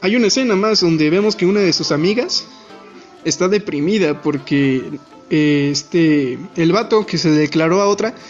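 Man, high voice, animated rambling anime recap, dull audio with faint music behind. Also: normal speed. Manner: animated, rambling, self-deprecating. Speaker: podcast co-host. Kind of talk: casual chat recapping an anime episode.

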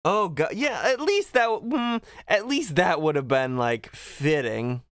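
Crisp-voiced man in casual recap chat. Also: sits high, animated, slow, fairly bright tone. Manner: acts out quoted lines while retelling. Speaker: podcast host.

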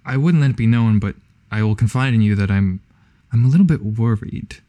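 A man's voice: lowish voice, brisk, mellow, dry recording, natural voice. A man voicing a formal, self-serious teenage girl who advises a campaign and speaks in grand, hesitant phrases. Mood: worried.

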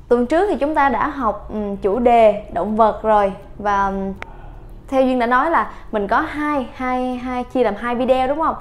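A woman teaching a vocabulary lesson, a little hoarse from a coming cold, repeating each word several times. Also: fairly high pitch. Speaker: Thai language teacher. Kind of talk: slow, patient vocabulary lesson.

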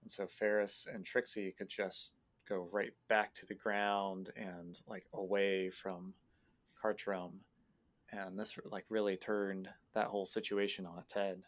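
A man who plays in a tabletop game, casually retelling a session in an unhurried, meandering way. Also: sits low, level tone. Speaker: player. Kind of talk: casual storytelling recap.

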